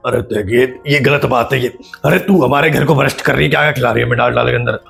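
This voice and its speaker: A woman's voice: a bass voice, quick pace, gravelly, soft background music, voice pushed down, full character voice. A woman voicing a nosy, scolding old father-in-law who stammers indignantly.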